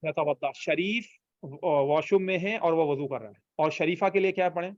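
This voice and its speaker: A man's voice: a little high, no echo, highs cut off. A man teaching an online language class, patiently repeating phrases for students to copy. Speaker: Arabic teacher.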